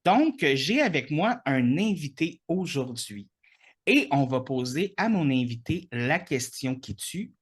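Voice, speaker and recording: A man with a Québécois accent hosts a podcast. He talks casually and playfully and jokes as he goes. The chat stays relaxed and informal. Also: a little high, takes it slowly, breathy edge. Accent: Québécois French. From Quebec. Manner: playful, joking. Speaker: podcast host.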